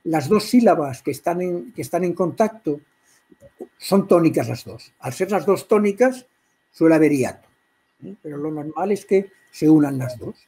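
Catalan-accented man lecturing on poetry, husky. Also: a little high, expressive, dark tone, rough recording. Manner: halting, many restarts and throat clearing. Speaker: workshop speaker on poetry. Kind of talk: informal lecture to a writers' group.

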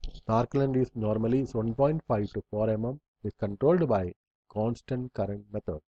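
A man's voice: lowish voice, normal speed, mellow, no room sound. Man reading lecture slides, dull lo-fi sound. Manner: reads bullet points in short fragments, with slips and restarts. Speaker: instructor.

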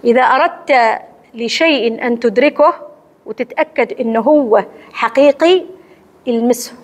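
A woman with an Omani accent giving a religious lecture to women in a mosque hall, asking and answering her own questions in a lively teacherly way. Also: on the high side, normal speed. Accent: Omani Arabic. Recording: long hall reverb.

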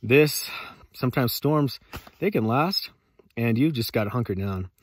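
A man in his thirties giving an informal, halting outdoor how-to as a vlog host, recorded on a handheld camera inside a small, cramped shelter. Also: mid-range voice, lively intonation, slightly rough, dry recording. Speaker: host of an outdoor radio channel. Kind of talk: casual instructional vlog. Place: inside a small snow shelter under a tarp. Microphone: phone or camera at arm's length.

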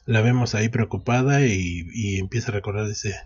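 Husky-voiced man recapping manga. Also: on the low side, steady tone, fairly quick, a little mellow, lo-fi sound. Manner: reads dialogue aloud with frequent restarts. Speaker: anime recap host. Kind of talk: casual manga chapter recap. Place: at home.

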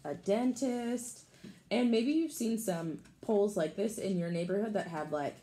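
A woman in her thirties, speaking unhurriedly in a warm, mid-range voice, reads a picture book to young children the way a teacher might, expressive and full of casual asides. The home recording, made in a small room, has clear background noise.

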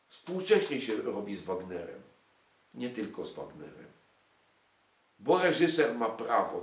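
A man's voice: fairly low pitch, gravelly. An older man giving an emphatic lecture to an audience, full of rhetorical questions and indignant asides. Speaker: lecturer on music and culture. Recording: echoey room.

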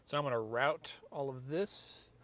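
With a mid-range voice that sounds pushed and bright, the same sort of forties-aged American man talks at a measured pace through a hands-on product install, casual, rambling and self-mocking. He moves between a driveway and a parked car. A camera or phone mic sits from arm's length to a few feet away, giving noisy outdoor and in-car audio with clear background noise.

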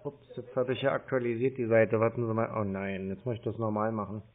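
On a slow phone conversation, a man with a fairly low, flat voice and fast delivery plays a confused customer as a scam-baiter. He comes across hesitant and muddled, reading aloud and thinking out loud as he types. The sound is narrow and muffled like a phone line.

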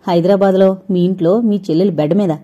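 A woman's voice: medium pitch, fairly even intonation, fast talker, dull audio, lightly acted. A woman voicing a wary young woman on the phone. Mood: accusing. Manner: quiet, guarded, turning sharp.

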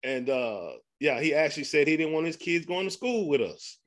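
A man's voice: on the high side, lively intonation, moderate pace. A man hosting a podcast, talking loosely and laughing often, with 'man' tacked onto his sentences. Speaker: podcast host. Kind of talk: casual conversation.

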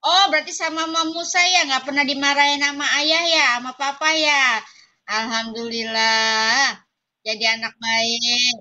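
A woman's voice: high-pitched, level tone, normal speed, sharp tone, muffled recording. A young woman teaching kindergarten children in an online class, coaxing and playful in a singsong way.

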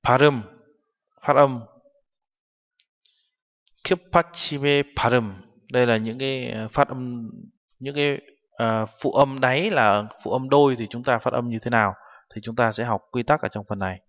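A man's voice: mid-range voice, fairly even intonation, normal speed, long pauses, fairly bright tone. Man teaching with a dull reverberant sound. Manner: explains each term patiently, translating word by word. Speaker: Korean language teacher. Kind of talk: classroom lesson explanation. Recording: dull recording with long reverb.

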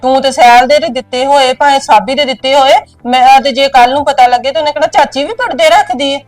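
An actress playing a proud, offended middle-aged village aunt who talks in a reproachful, insistent way. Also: female voice, sits high, fairly quick, no room sound, faint music behind, close to an everyday voice. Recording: distant from mic.

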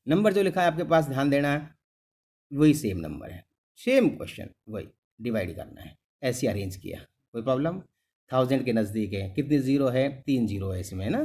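A man's voice: mid-range voice, darkish tone, slight background noise. A middle-aged man teaching a maths lesson, patiently repeating each step and checking whether his students follow. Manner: calls the students "beta", keeps asking "clear?". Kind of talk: classroom lesson.

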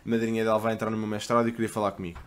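A man's voice: fairly low pitch, flat delivery, rapid-fire, slight background noise. A man in his twenties with a European Portuguese accent, chatting casually and slangily as a streamer while reacting to videos, swearing freely. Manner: swears freely, bursts into loud laughing outbursts.

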